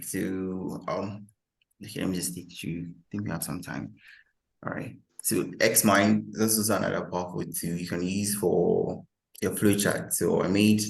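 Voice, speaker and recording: A man presenting a workshop, giving relaxed step-by-step software instructions over a video call. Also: low voice, creaky. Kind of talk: software demonstration. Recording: echoey room.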